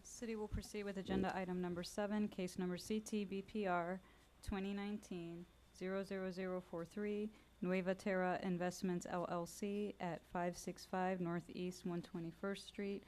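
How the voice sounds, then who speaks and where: Brief: female city prosecutor, lowish and monotone, procedural questioning, courtroom recording. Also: normal speed, hardly any pauses. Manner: flat, procedural reading of case details. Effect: courtroom hearing recording. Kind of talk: formal witness questioning. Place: hearing room.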